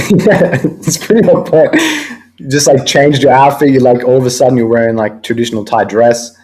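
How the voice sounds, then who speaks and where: A man's voice: mid-range voice, moderate pace, darkish tone, a little hiss or hum, poor audio. A young man hosting a live talk show, chatting casually and laughing often. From Australia. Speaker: host. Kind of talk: casual chat.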